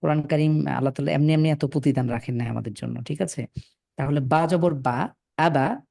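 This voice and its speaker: Quran teacher guy on a video call, raspy low tone, dry sound, slow and firm. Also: a little mellow, no echo. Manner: patient but firm, spells letters slowly and repeats. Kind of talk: online class, correcting students.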